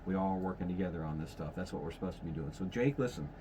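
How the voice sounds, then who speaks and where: A man's voice: deep voice, rapid-fire, heavy background noise. Folksy man in his fifties hosting. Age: 50s. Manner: rambling, self-correcting, folksy. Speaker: podcast host. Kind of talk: casual chat.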